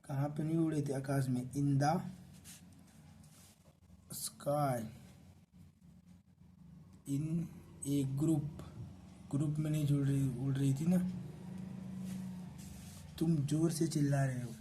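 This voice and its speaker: Indian male teacher, unhurried and mellow, spells words out, faint hiss behind. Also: a little high, fairly even intonation. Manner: spells words letter by letter, checks in with "ठीक ना". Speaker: English teacher. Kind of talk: slow classroom explanation.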